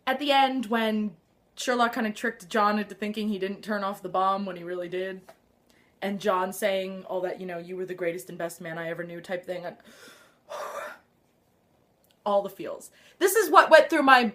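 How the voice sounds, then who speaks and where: A woman hosting a casual fan vlog, gushing and excitable with lots of sighs, her nose a little stuffed up. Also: medium pitch, moderate pace. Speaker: vlog host. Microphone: handheld camera.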